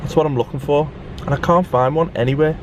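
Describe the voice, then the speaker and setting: This young man from England is getting over the flu and chats casually to camera in a rambling, self-deprecating vlog. His voice is a little high with fairly even intonation, he talks quickly, and there's noise in the background.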